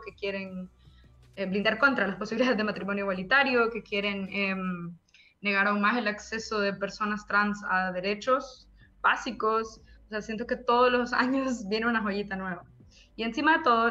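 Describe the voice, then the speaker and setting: Bright Salvadoran woman on a video call. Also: medium pitch, muffled recording. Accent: Salvadoran Spanish. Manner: warm, lively, laughs often, many fillers. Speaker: panelist, media co-founder. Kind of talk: online panel talk.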